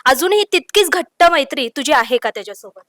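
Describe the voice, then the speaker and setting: Interviewer: woman, high voice, friendly prompting, dry close recording. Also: animated, a little fast, fairly bright tone, no room sound. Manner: friendly prompting with frequent hums. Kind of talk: conversational interview questions.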